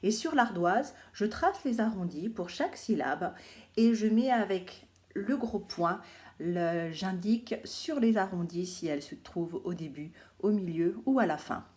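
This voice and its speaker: A woman from France giving a phonics lesson to young children, speaking slowly and clearly and repeating each word. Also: mid-range voice, animated, darkish tone. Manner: slow, clear, repeats words syllable by syllable. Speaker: primary school teacher.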